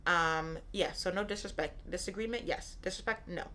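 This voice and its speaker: A little hiss or hum sits under this woman's low-leaning voice, which is pushed and bright at a moderate pace. She's in her thirties, originally from Nigeria and raised in Brooklyn, New York, and hosts a casual solo podcast where she's candid, repeats phrases and often says "right?".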